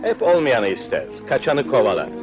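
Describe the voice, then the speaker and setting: A man's voice: mid-range voice, sing-song, normal speed, over music, natural voice. A man playing a boastful swaggering film hero. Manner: boastful, dismissive. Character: proud swaggering male hero, adult.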